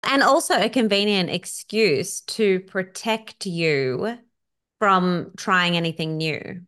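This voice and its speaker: A woman's voice: fairly low pitch, slow pace, a bit bright, smooth. A woman interviewing a friend, affirming her and offering reflective prompts in a conversational interview. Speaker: guest interviewer.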